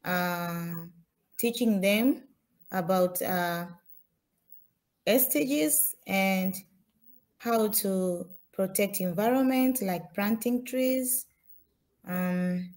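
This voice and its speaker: Speaking in a slightly mellow, mid-range voice, a young woman from Tanzania presents slides at an unhurried pace, much like a student talk. She hesitates, uses many fillers, and often pauses to start her sentences again, and her speech is not in English.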